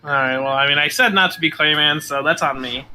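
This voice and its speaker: A man chatting playfully while playing a card game with friends, now and then shouting attack calls. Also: on the high side, brisk. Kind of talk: casual gaming chat.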